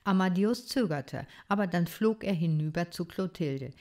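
A woman calmly reading a children's story aloud with expression. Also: lowish voice, moderate pace.

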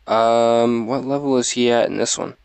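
A man's voice: mid-range voice, steady tone, moderate pace, vocal fry, darkish tone, clean tone, no room sound. A man hosting a let's play, chatting casually and rambling, mocking himself and laughing often. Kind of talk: casual gameplay commentary.

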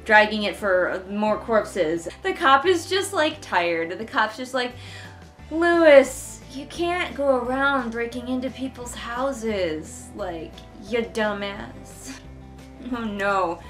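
Taking it slowly, she has a slightly high, expressive, somewhat bright voice, with soft music in the background. The young woman is a book reviewer reading along from her living room couch, making casual, sarcastic remarks in an exasperated tone, and a camera a short distance away records her.

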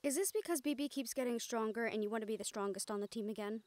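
A woman voices a siren-banshee in an audio roleplay, an exasperated but caring partner and teammate who sighs earnestly, sounds concerned and uses Spanish endearments. Her voice sits on the high side, quick and darkish in tone, close to an everyday voice.

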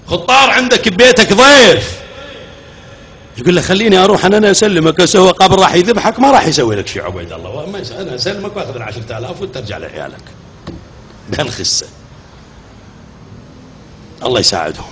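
Iraqi male preacher, rapid storytelling sermon, raised voice, echoey hall with faint hiss. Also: high voice, big pitch swings, a bit bright. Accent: Iraqi Arabic. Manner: dramatic, quotes dialogue in shifting voices, grieving exclamations. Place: mourning hall.

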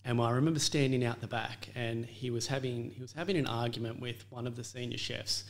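A man's voice: medium pitch, steady tone, brisk, gravelly. A man, a chef talking about his career in an earnest, reflective interview manner. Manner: earnest, reflective storytelling with frequent fillers. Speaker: chef and restaurant owner, guest. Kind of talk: casual interview conversation.

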